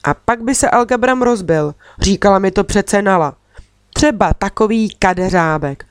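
A woman reads a children's storybook aloud in a steady, expressive way, close to the mic. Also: medium pitch, clear, resonant tone, no echo. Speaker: audiobook reader.

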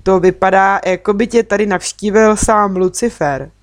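A woman's voice: medium pitch, no room sound, lightly acted. A woman reading a storybook, voicing a teasing older brother who mocks offhandedly. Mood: mocking. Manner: mocking.

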